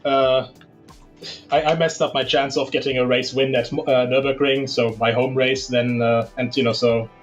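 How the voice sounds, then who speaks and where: A man's voice: mid-range voice, little pitch movement, normal speed, faint music behind. Man on a dull lo-fi line. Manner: hesitant, joking, many fillers. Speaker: racing driver. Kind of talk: post-race interview.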